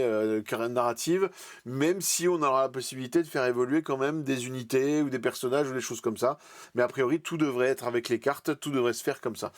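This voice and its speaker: A man talking through a relaxed weekly roundup of hobby news, chatty and full of hesitations and restarts. His voice sits at an ordinary middle pitch. The sound is dry and close, with no room echo. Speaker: channel host.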